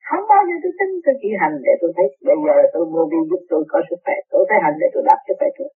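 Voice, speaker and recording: A man's voice: sits high, wildly swooping pitch, rapid-fire, creaky, husky. A man giving an emphatic, repetitive spiritual sermon to his followers. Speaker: spiritual teacher. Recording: tinny, dry, phone-like lo-fi recording.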